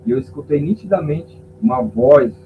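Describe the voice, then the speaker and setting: His intonation is lively and his pace moderate, with a pitch a little on the high side, as this male pastor gives an emotional podcast testimony and mimics the people he describes. Expect tinny, phone-like audio with a faint hum behind it.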